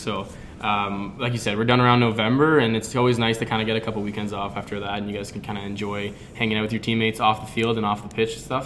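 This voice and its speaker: A man's voice: lowish voice, fairly bright tone, a little hiss or hum. A young man co-hosting a casual podcast. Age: young adult. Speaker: podcast co-host.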